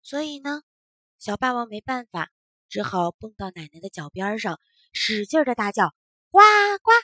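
A woman telling a children's story with lively, swooping intonation and frequent exclamations. Her voice sits fairly high with a husky grain, recorded close and dry. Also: normal speed, dry recording. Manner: expressive, animated storytelling.

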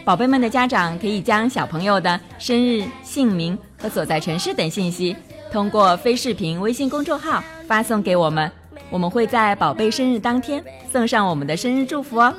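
A woman narrating a bedtime story for children, gentle and measured. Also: mid-range voice, animated, soft background music.

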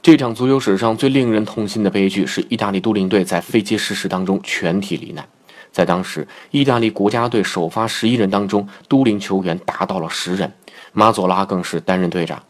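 A man hosting a football commentary show, narrating from a script in a solemn, measured storytelling manner. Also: low-pitched.

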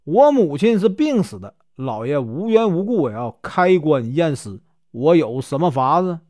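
A man's voice: a little high, big pitch swings, normal speed, a little mellow, no room sound, clean studio sound. A man with a Northeastern Mandarin accent voicing a cunning middle-aged male murderer who pleads and confesses at length. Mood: evasive. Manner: pleading, confessing in a long run.

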